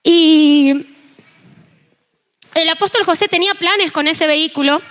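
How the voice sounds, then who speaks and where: A young Argentine woman preaching from the pulpit, her voice sitting high and bright in pitch. She tells her testimony with lively storytelling, acting out the conversations as she goes. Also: unhurried. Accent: Argentine Spanish. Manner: animated storytelling, acting out dialogue. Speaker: preacher and worship team member. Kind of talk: sermon with personal testimony.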